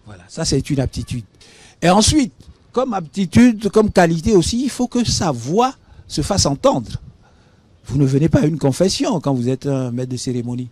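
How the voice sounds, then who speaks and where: Man from benin on a tv talk show, teacherly, spells words out, slightly high voice, dry studio mic. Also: darkish tone, dry recording. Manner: didactic, spells out words, asks "hein?". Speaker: guest expert on public speaking.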